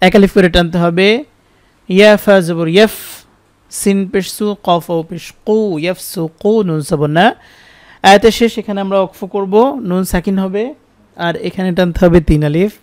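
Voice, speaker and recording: High, clear-voiced Bangladeshi Bengali Quran teacher. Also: male voice, fairly even intonation, a little mellow, no echo. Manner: spells words letter by letter, then chants verses slowly. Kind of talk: spelled-out Quran recitation lesson.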